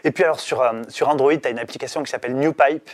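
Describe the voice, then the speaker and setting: A man's voice: medium pitch, fairly even intonation, fast talker. A middle-aged man, an interview guest, explaining in casual chat, rambling with many fillers and restarts.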